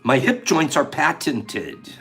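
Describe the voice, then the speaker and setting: A man hosts a casual livestream in an easygoing, chatty way, greeting viewers by name as he runs a guessing game. His voice sits a little high and swings widely in pitch. Faint music plays behind him. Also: takes it slowly. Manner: animated, chatty, reading out viewer names. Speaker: livestream host.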